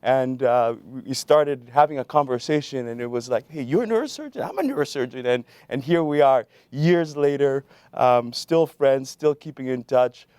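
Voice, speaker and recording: Smooth-voiced male moderator. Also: medium pitch, normal speed, hardly any pauses, dry recording. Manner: relaxed and anecdotal, with frequent uh fillers. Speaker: symposium moderator. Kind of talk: introducing a speaker.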